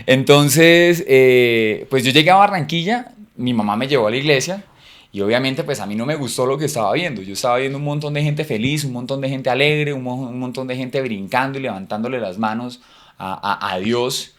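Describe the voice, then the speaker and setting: A man's voice: mid-range voice, a little fast, fairly bright tone. A middle-aged man from Cúcuta, Colombia, with a Cúcuta accent, sharing a personal faith testimony as an interview guest in a reflective, hesitant way. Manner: reflective, hesitant, many fillers.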